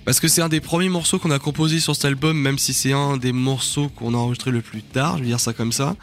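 A man's voice: mid-range voice, fairly even intonation, fast talker, faint music behind. A man with an accent from France chatting casually as a guest in a radio interview, often searching for words and using slang. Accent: French from France. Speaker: band singer and lyricist, interview guest.

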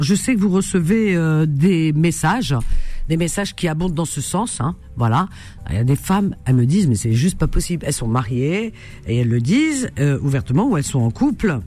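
A woman hosting a call-in radio show, animated, indignant and teasing with her callers. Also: low-pitched. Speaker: radio host.

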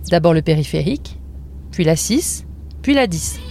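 A woman's voice: low-pitched, animated, normal speed, gravelly, darkish tone, soft background music. A woman podcast host telling a personal story in casual narration, with a wry, self-mocking humor.

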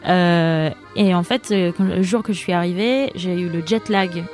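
A woman with an American accent, co-hosting a podcast in casual conversation and often pausing to search for her words. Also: lowish voice, a little mellow, soft background music. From United States. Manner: hesitant, many fillers while searching for words. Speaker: podcast co-host.

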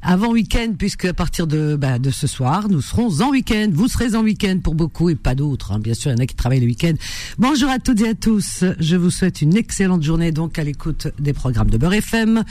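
Brisk and warm, a woman from Algeria chats her way through a radio classified-ads show, using plenty of fillers and repetitions. Her voice is on the low side with big pitch swings.

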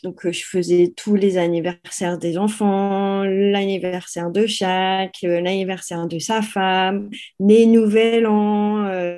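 A French woman telling lively anecdotes in an interview, full of fillers and restarts. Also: medium pitch. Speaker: interview guest, sports photographer.

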